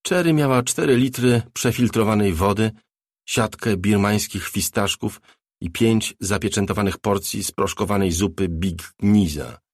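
A man narrating an audiobook in a measured, steady reading. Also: lowish voice, no echo, clean studio sound.

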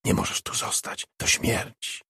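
An ancient female spirit of the dead speaks in a grave, commanding hush, as a man reading an audiobook puts her on. The voice sits low and husky, half whispered. The recording is dry and close. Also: lively intonation, unhurried, dry recording, full character voice. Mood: warning.

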